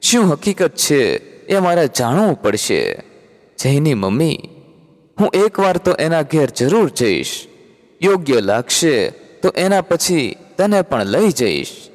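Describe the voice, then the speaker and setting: Audiobook role: a man voicing a humble laborer, quiet dignity, lively lilt, echoing room. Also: on the high side, slow pace, exaggerated voice. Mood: modest. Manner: modest, calm. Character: humble, hardworking male rickshaw puller. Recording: long hall reverb.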